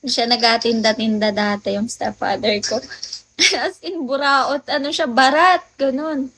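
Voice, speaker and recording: A woman's voice: a little high, steady tone, a little slow, fairly bright tone, slightly rough. A woman from the Philippines chatting casually with viewers on a late-night phone livestream, telling stories and laughing often.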